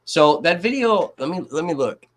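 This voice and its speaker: A man's voice: on the high side, animated, normal speed. A man from Kenosha, Wisconsin, hosting a live trial commentary stream and ranting in a profane, sarcastic way. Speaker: livestream host.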